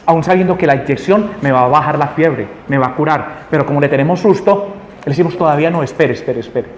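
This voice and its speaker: A man's voice: fairly high pitch, fast talker. Man teaching a spiritual lesson in an echoey hall. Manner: asks the audience questions, animated. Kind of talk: lecture to a group. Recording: echoey room with long reverb, faint noise.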